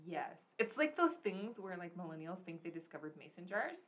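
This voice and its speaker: Very animated and fairly quick, this young woman's low-leaning voice competes with heavy background noise. As a podcast co-host, she's a chatty storyteller in casual conversation, constantly saying "like" and "so anyways."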